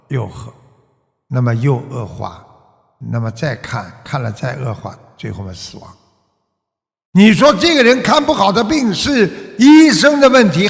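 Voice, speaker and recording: Lively gravelly male Buddhist teacher preaching. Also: sits high. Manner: asks the audience many rhetorical questions; ends phrases with a drawn-out 'ah' particle. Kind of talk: Buddhist sermon to followers. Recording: long reverb of a large hall.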